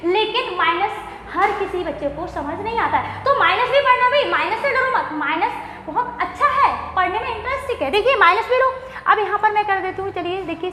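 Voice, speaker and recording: Woman maths teacher, very high pitch, roomy echo, quizzing the class and answering herself. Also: sharp tone. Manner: questions and answers herself, repeats key words. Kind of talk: classroom lecture. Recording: echoey room with faint noise.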